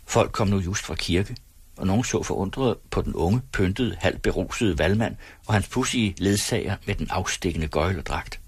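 A male narrator reads a story in a measured, storytelling manner. His voice is deep and husky. The recording is dry and close to the mic. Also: animated, no room sound. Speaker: audiobook narrator. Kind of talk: scripted narration.

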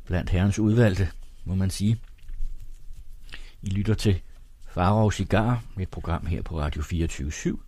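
A man hosting a radio program, reading a novel aloud as a serial with unhurried spoken asides between passages. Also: low-pitched, mellow, husky, no echo.

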